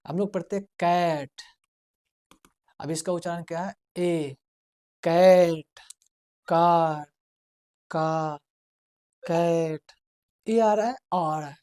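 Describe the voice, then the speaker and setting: A spoken English teacher gives a classroom lesson in Hindi in a high, darkish voice at a measured pace. He quizzes the class, answers his own questions, repeats key words, and urges students to write things down.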